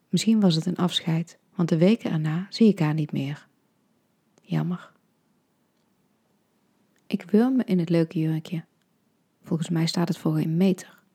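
A woman reads a short story in an intimate, half-whispered hush. Her voice sits fairly low, dark and mellow, with a husky edge. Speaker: podcast storyteller. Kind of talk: scripted narration.

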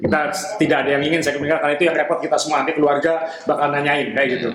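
A man talks fast and animated as a podcast host, his voice a little high for a man. He sounds like he is in an echoey room with faint ambient hum behind him. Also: crowd noise. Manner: animated, quick-talking, laughs often. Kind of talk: casual podcast chat.

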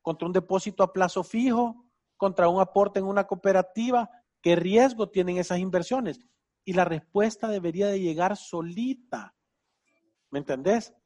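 Upbeat high-voiced Salvadoran man. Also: moderate pace, a little mellow. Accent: Salvadoran Spanish. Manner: enthusiastic, teasing, uses vos. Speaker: financial advice host. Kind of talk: casual radio advice chat.

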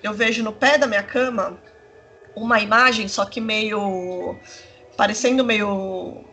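A woman, telling a personal story in casual chat, rambling and animated with many fillers. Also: mid-range voice, measured pace, faint music behind. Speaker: storyteller in a conversation.

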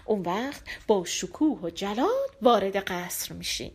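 A woman's voice: medium pitch, big pitch swings, slightly rough. A woman voicing a curious young prince who talks to himself in a storybook folk tale. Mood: eager. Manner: musing aloud, earnest.

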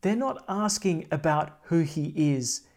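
A man's voice: a little high, lively intonation, a little slow, darkish tone. A man speaking as a priest at Mass, in a solemn, declamatory style of scripture reading and preaching. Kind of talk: liturgical scripture reading and homily.

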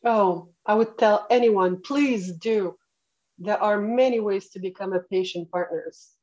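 A woman's voice: medium pitch, a little slow, darkish tone. A woman in her late forties with a French Canadian accent, giving earnest answers as an interview guest. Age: late 40s. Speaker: podcast guest, patient partner. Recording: slightly dull, narrow-band sound.

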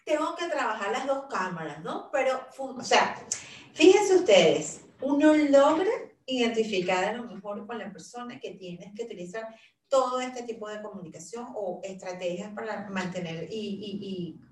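A middle-aged woman with a mid-range voice chats at a moderate pace about caring for her father, sharing caregiving advice through animated stories in which she acts out his words and her own. The room is echoey, she sits a little far from the mic, and there's slight background noise.

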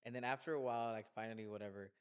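A man in a casual chat, excitedly recapping a horror film scene by scene, swearing often and acting out the characters' lines. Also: fairly low pitch, very fast, clear, resonant tone. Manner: excitable, profane, acts out scenes. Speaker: film discussion podcast co-host.

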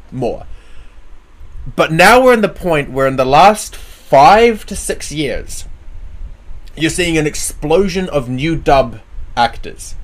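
A man hosting a casual show, giving his opinions in an emphatic, conversational way. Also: medium pitch. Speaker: show host. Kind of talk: casual opinionated chat about anime dubs.

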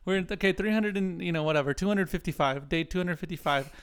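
A young man with a smooth, resonant voice, pitched a touch higher than most men. He chats casually and jokes around with a friend, telling stories with playful exaggeration. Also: quick pace. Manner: joking, animated storyteller who puts on a squeaky kid voice. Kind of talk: casual chat.

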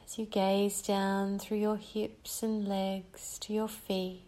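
A woman guiding a meditation in an unhurried, gentle cadence. Her voice sits mid-range with a mellow, dark warmth, and she leaves long, calm pauses between phrases. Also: mid-range voice. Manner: slow, soothing, with long pauses. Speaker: meditation guide. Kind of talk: guided meditation.

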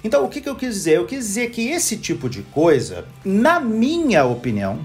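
Brazilian male English teacher, very lively pitch, explains and restarts a lot, faint music behind. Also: fairly quick. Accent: Brazilian Portuguese. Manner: animated, explanatory, self-correcting. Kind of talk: casual panel chat.

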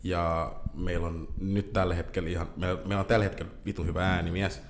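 Low-voiced man in an echoey room. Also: gravelly, slight background noise. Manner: loose, animated storytelling with English slang. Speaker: band vocalist. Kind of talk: casual interview chat.

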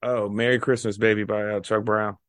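A man's voice: lowish voice, flat delivery, a little fast, fairly bright tone, smooth, no echo, clean studio sound. A man in casual podcast chat, speaking in a blunt, laid-back, slangy way. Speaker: podcast guest or co-host.

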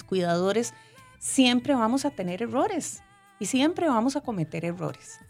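A woman explains her points in a casual, thoughtful way. She tags her sentences with questions to keep the listener with her. Faint music plays under her voice. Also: on the high side. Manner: frequent tag question "¿verdad?", warm explanatory tone.

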